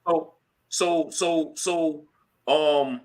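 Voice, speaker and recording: A man hosting a casual live stream, talking in a slangy, chatty way and giving shout-outs. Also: a little high, fairly even intonation, drawn-out words. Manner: slangy and chatty, full of "you know what I'm saying" and shout-outs. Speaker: host of a crypto live stream. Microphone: computer mic at a laptop.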